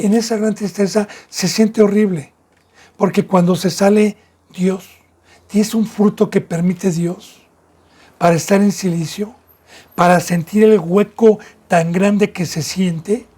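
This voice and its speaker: A man with a Mexican Spanish accent preaching a fervent sermon as a pastor, often addressing his listeners as brothers and sisters, drawing out key words and then rushing through others. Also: sits high, fairly even intonation, mellow. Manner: fervent preaching, often addresses "bendito hermano y bendita hermana".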